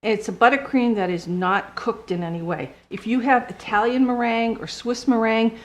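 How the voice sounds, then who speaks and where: A woman's voice: a little high, moderate pace. Older woman chatting through a bake. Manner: chatty, homespun, explains step by step. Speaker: home baker. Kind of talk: casual cooking demonstration. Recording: noisy recording with clicks.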